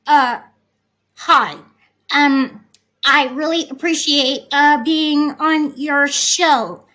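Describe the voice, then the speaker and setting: A woman's voice: high-pitched, drawn-out words, bright, forceful tone, heavily acted. Vain, flirtatious congresswoman guest, played by a woman for sketch comedy: hesitant, smug, self-absorbed. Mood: smug, halting.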